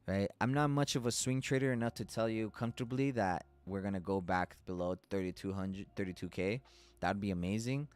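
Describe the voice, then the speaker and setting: A man hosting a live trading stream, talking loosely and casually through chart analysis, swearing and laughing as he goes. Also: lowish voice.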